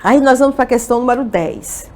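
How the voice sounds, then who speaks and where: A woman's voice: on the high side, animated, brisk, warm tone. Woman teaching grammar. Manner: explanatory, poses questions and answers them herself; checks in often with "ok?" and "tá vendo?". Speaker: Portuguese teacher. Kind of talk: exam-review lesson.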